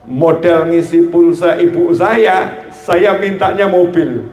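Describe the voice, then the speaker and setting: A man preaching a lively sermon to a gathering, joking and acting out dialogue. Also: high-pitched, takes it slowly, reverberant, background noise. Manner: joking, acts out dialogue in quoted voices. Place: religious gathering hall.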